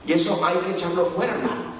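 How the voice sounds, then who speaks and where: A man's voice: fairly even intonation, fast, fairly bright tone. A man from El Salvador with a Salvadoran Spanish accent, preaching a fervent Pentecostal sermon as a guest preacher, calling out to the congregation. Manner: fervent, calls out to the congregation, sweeping pitch. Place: church sanctuary. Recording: echoey church hall, distant mic.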